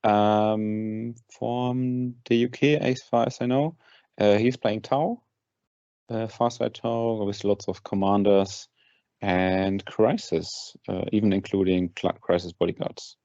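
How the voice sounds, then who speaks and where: A man's voice: on the low side, fairly even intonation, slow pace, mellow, dry recording, lo-fi sound. A man from Germany with a German accent, a tabletop wargame player chatting casually as an interview guest, hesitant with many fillers and restarts.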